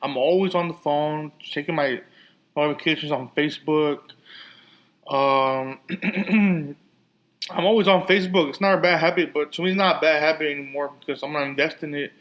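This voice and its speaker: A man's voice: fairly high pitch, moderate pace, fairly bright tone, poor audio. A man hosting a casual solo podcast, talking with a lisp and a slight slur, rambling with many restarts and fillers. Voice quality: lisp and slurred speech. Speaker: podcast host.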